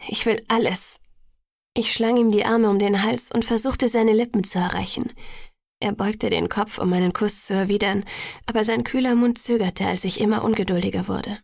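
A woman reading a first-person novel aloud as a hushed, intimate whispered role-play. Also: medium pitch, steady tone, normal speed, vocal fry, no echo, studio quality. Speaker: audiobook narrator.

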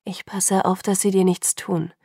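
A woman voicing a calm, protective young vampire man in an audiobook, speaking softly and slowly in a low, measured way. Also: creaky, no echo, clean studio sound. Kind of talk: audiobook reading.

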